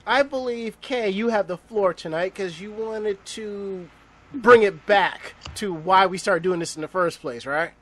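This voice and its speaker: A man's voice: high-pitched, measured pace, fairly bright tone. A man hosting a casual podcast chat, brash and profane as he steers the talk. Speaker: podcast host.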